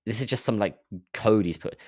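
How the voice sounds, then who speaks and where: A man's voice: on the low side, fairly quick, a little mellow, no room sound, clean studio sound. A man giving casual marketing advice on camera, exasperated and mocking, often stumbling over repeated words. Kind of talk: casual talking-head advice.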